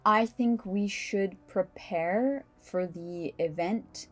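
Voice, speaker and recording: A woman talking casually as a tabletop game player, planning moves in a tentative, halting way. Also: mid-range voice, soft background music.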